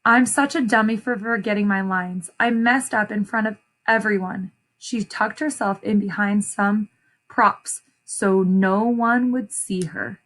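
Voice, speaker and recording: An educator reads a children's story aloud, stopping to ask young listeners questions and explain things. Her medium-pitched voice has a fairly bright tone, though the audio quality is poor.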